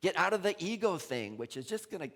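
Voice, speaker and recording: A male pastor giving a sermon in a conversational, animated way, laughing often. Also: sits high, fast talker, gravelly. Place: church sanctuary. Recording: long reverb in a large hall.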